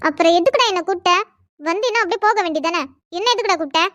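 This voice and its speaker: A woman's voice: extremely high pitch, rapid-fire, fairly bright tone, no echo, studio quality. A woman voicing a defiant young bride in a cartoon drama, firing back sarcastic retorts.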